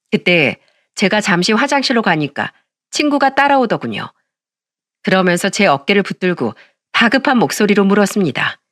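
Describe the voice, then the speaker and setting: A woman's voice: medium pitch, no room sound, clean studio sound. A middle-aged woman telling a first-person story in a plain, confiding narration.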